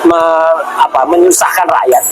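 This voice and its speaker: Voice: mid-range voice, flat delivery, moderate pace, heavy background noise. A speaker giving approving political commentary. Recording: loud music underneath.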